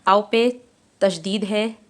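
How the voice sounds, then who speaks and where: A woman teaching a Quran recitation class, patiently explaining each mark and then slowly modeling the sounds. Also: mid-range voice, fairly even intonation, a bit bright. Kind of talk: step-by-step recitation lesson.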